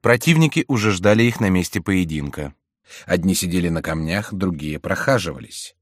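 A man's voice: low-pitched, moderate pace, dry recording, clean studio sound. A man reading a historical novel aloud as an audiobook, giving every character a voice. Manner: expressive, voicing every character. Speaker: audiobook reader. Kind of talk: dramatic literary narration.

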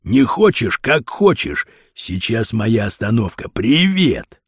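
A heavyset small-time crook, put on by a male reader, coaxing and sly, stretching his words slow and low as if sharing a secret. The voice is husky, and the dry recording keeps it close and plain, like a storybook read aloud. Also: big pitch swings, no echo, heavily acted. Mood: gruff. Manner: slow, drawn-out, conspiratorial.

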